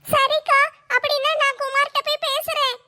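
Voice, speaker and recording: A woman's voice: very high-pitched, little pitch movement, moderate pace, sharp tone, full character voice. A woman voicing a shy, tearful young woman who speaks in a hesitant, pleading way. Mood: anxious.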